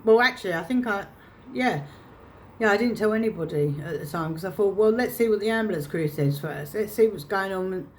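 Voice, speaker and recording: A woman telling a painful personal story to camera, halting and restarting her phrases as she holds back emotion. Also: medium pitch, lively intonation, a little hiss or hum. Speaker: vlogger.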